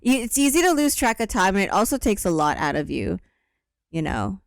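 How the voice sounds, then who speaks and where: A woman's voice: mid-range voice, big pitch swings, fairly quick, creaky, no room sound, studio quality. A woman in her thirties co-hosting a podcast in casual chat, talking in an easygoing, rambling way with plenty of fillers. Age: 30s. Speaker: podcast co-host.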